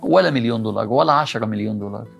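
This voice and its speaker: Fast, gravelly Egyptian male preacher. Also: lowish voice, faint music behind. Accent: Egyptian Arabic. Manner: animated, rhetorical questions to the audience. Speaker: preacher addressing young people. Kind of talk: motivational religious talk.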